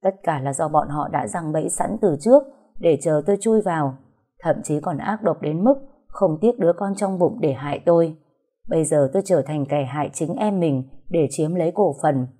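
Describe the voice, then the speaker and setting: A woman reads a first-person family drama aloud with a low, mellow voice. Her storytelling is steady and dramatic throughout. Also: moderate pace. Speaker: narrator.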